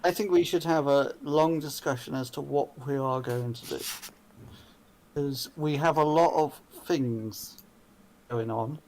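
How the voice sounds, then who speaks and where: A man's voice: a little high, a little slow, a little mellow. A man playing a tabletop role-playing game, chatting casually and in character. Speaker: player.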